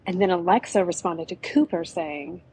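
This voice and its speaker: A woman's voice: on the low side, moderate pace, a little mellow, slightly rough, poor audio. A woman narrating an adventure story in a chatty, conversational way. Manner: chatty, with frequent "you know".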